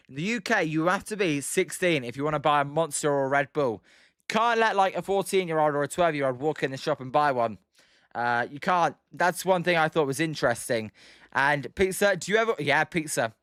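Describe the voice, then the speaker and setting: A young British man in his twenties hosting a livestream, calling pitches and casually answering viewers' chat. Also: fairly bright tone, smooth, no echo, studio quality. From United Kingdom. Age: 20s. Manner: chatty, reads out viewers' names and answers them between pitch calls. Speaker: livestream host. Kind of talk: casual play-by-play with chat replies.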